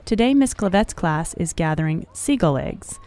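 A woman radio reporter narrating a news feature in a measured, even delivery. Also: on the low side.

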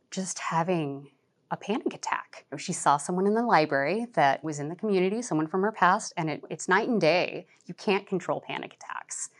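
A woman librarian answering interview questions, calm and practical, explaining things step by step. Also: fairly low pitch.

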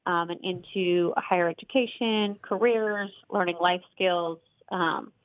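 A woman answering interview questions off the cuff as an expert guest, often pausing mid-phrase. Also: lowish voice, fairly even intonation, no room sound, narrow, tinny audio. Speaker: interview guest, child welfare training director.

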